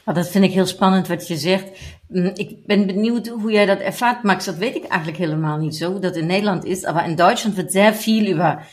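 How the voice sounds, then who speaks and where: A woman's voice: lowish voice, a little fast. A woman hosting a casual interview, chatty and asking open questions. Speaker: podcast host.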